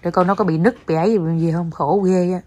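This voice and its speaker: Vlogging at home with her child, a young woman from Southern Vietnam speaks in a fairly low, slightly mellow voice at a somewhat quick pace. She coaxes her child and addresses viewers casually indoors, mixing English words into her speech.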